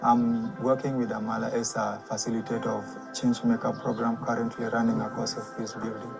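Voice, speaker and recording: Flat, gravelly man over music. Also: mid-range voice. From South Sudan. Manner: halting, with many fillers. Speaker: course facilitator in a testimonial video. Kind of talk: personal testimonial. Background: background music.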